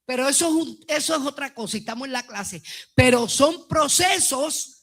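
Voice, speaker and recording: High, bright Puerto Rican woman testifying. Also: moderate pace. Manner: fervent, swinging from hushed to near-shouting. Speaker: church member giving testimony. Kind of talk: emotional personal testimony in a church class. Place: church.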